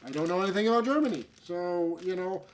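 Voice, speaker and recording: A man's voice: high-pitched, lively intonation, fast talker, a little hiss or hum. A man hosting a casual comedy food review show, joking at his own expense and rambling with fillers. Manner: self-mocking, jokey, rambling with fillers. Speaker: host.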